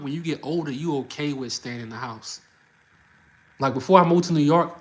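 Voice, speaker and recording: This is a Louisiana man in his thirties running a livestream, answering comments in a casual, energetic way and saying "bro" again and again. The voice is medium-pitched with a bit of brightness.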